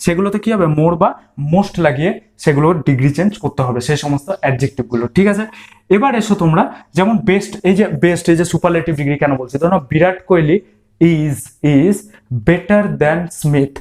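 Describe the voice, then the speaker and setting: Fast-talking man teaching grammar. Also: a little high, darkish tone. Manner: drills word forms, asks and answers his own questions. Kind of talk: online grammar lesson.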